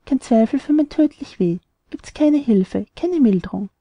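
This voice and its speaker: A woman's voice: a little high, expressive, a little slow, no room sound, dull audio. A woman voicing a lovesick, stubborn young man in an audiobook, delivering rhymed verse earnestly. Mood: pleading.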